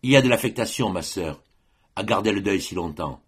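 Reader doing a patient elder brother, easy and low-voiced, slight rasp. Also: male voice, a little fast. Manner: calm, mildly teasing. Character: young man, officer, patient elder brother.

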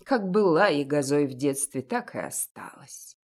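A woman voicing a kindly, grumbling old male confectioner in an audiobook, speaking slowly and gruffly. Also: lively intonation. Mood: kindly, reassuring. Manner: slow, low and gruff, gently coaxing. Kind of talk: audiobook reading.

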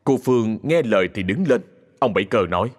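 A man's voice: on the low side, animated, brisk. Man telling a ghost story dramatically. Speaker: narrator.

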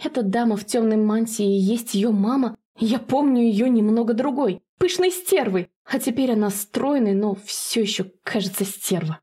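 A woman narrating a first-person fantasy audiobook in an even storytelling voice. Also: on the high side, normal speed, few pauses, husky.

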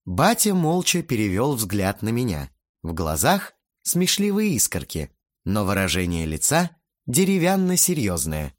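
A man reading a novel aloud as an audiobook narrator, with lively, expressive delivery. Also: lowish voice, measured pace. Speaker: audiobook reader. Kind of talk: scripted narration.

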